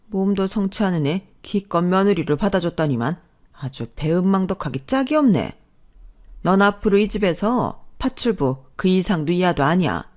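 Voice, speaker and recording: A woman's voice: mid-range voice, a little mellow, close to an everyday voice. A woman voicing a domineering older mother-in-law who scolds with contempt.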